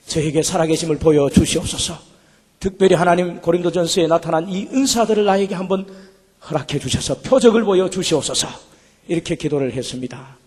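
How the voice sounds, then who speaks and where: Husky-voiced pastor giving testimony. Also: male voice, fairly high pitch, a little mellow. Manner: emotional storytelling. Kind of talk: testimony sermon. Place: church sanctuary. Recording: long church hall reverb, faint music.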